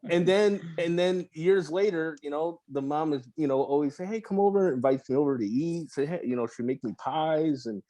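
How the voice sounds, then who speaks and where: A man as a podcast guest, telling stories in a relaxed, rambling way with lots of swearing and restarts. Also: on the high side, normal speed, few pauses, dry recording. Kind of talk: casual interview storytelling.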